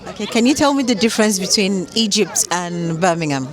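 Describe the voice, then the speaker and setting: A woman's voice: medium pitch, animated, fairly quick, a crowd in the background. A woman interviewing passers-by on a city street, upbeat with short prompts.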